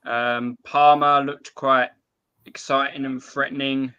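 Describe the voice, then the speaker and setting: Flat, bright-voiced man, lo-fi sound. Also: medium pitch, takes it slowly, smooth. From Essex, England. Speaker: guest football fan. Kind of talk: casual football chat.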